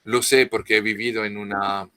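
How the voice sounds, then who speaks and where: In this interview, a middle-aged man from France speaks as a guest author, lecturing at length in a French accent with a level, pushed and bright tone on the low side. He halts often, restarting and using many fillers, and there's no echo.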